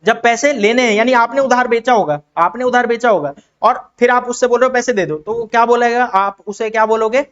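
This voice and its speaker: Man from India, high-pitched voice, accounting teacher, asks and answers his own questions, dull lo-fi recording. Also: a bit bright. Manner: acts out quick exchanges in other voices. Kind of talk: classroom-style explanation with questions to students.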